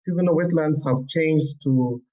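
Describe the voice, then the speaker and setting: A man's voice: a little high, a little slow, warm tone. A man giving an informative contribution in an online webinar. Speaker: workshop participant. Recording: dull, distant online call microphone.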